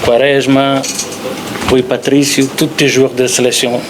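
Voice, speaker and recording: A non-native speaker, a man with a foreign Iberian accent, giving a halting, semi-formal speech as a president at a press conference. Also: medium pitch, flat delivery, noisy background. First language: not French.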